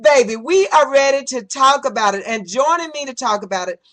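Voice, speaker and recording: High, bright, campy woman host. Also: expressive. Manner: campy, flamboyant, theatrical, with drawn-out endearments. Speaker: talk show host. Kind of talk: exuberant live talk radio chat. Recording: music and crowd noise behind. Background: music and cheering audience.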